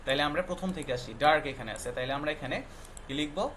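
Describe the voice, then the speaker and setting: A man's voice: fairly high pitch, fast talker, a bit bright, slight background noise. A male teacher patiently explaining a lesson to young children, quizzing them often and mixing English words into his explanations. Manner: patient, quizzing with frequent questions.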